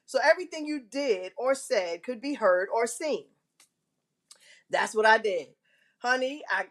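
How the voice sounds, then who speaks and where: A woman hosting a live online show tells her viewers a candid personal story in a big, carrying, fairly high-pitched voice. She is frank and self-mocking, and she clears her throat often.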